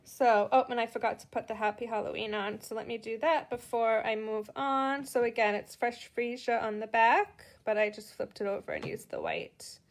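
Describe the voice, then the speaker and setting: A woman's voice: a little high, sing-song, normal speed, few pauses. A middle-aged woman with a Boston accent, chatting through a live card-making tutorial and greeting viewers as she works.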